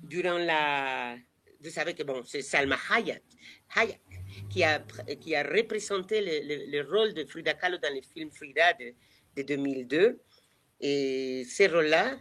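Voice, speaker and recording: A woman's voice: low voice, fairly bright tone. Mexican lady guiding a virtual tour over a video call, lots of euh and restarts, chatty, spanish is her first language. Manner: chatty, hesitant, many fillers and restarts. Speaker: tour guide. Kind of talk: live virtual tour commentary.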